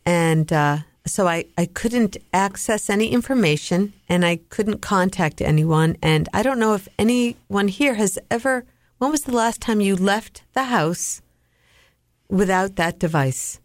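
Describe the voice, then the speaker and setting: A woman's voice: medium pitch, lively intonation, unhurried, no echo. Woman hosting a radio show, dry studio. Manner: friendly, conversational questioning.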